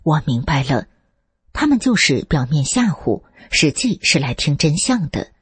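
A woman narrates a personal account from a script in a deeply husky, breathy voice. Her pitch rises and falls freely, and she lifts it higher whenever she reads out someone's words. The sound is dry and close, with no room around it. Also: big pitch swings, a little slow, dry recording. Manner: reads steadily, lifts the pitch for quoted speech.

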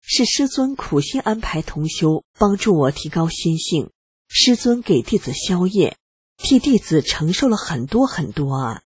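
An adult reading a personal testimony aloud in a steady first-person way, earnest and reflective. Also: mid-range voice, measured pace, breathy edge, no echo.

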